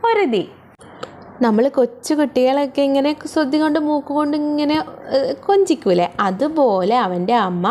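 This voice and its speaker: A woman teacher explaining an English textbook lesson, coaxing and slow, asking questions and answering them herself. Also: fairly high pitch, darkish tone, slight background noise.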